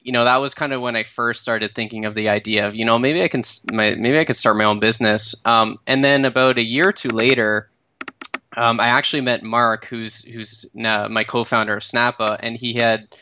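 This thirty-something Canadian man, a startup founder, recounts his journey during a laid-back podcast chat, often restarting and using fillers. He speaks fairly quickly in a mid-range voice, and the muffled recording carries a little hiss or hum.

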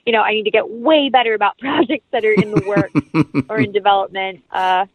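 There's a crowd audible behind this woman, whose mid-range voice moves a little fast. As an interview guest who acts and writes, she enthuses casually about her creative work, captured with a thin, phone-like sound.

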